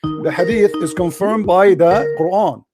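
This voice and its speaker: A man hosting a heated call-in debate, combative and taunting, repeating his questions, his voice hoarse from shouting. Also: sits high, moderate pace, soft background music. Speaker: host of a live call-in debate show.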